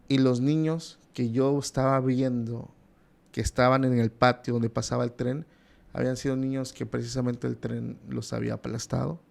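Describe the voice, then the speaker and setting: A man's voice: medium pitch, creaky, a little mellow. A man, a podcast guest retelling a horror story in a conversational way with many asides.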